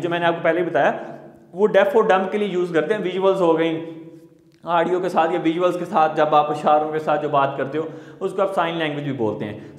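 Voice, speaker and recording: A man giving a recorded lecture, explaining points and repeating them as he checks in with the listener. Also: a little high. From Pakistan. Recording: echoey room with long reverb.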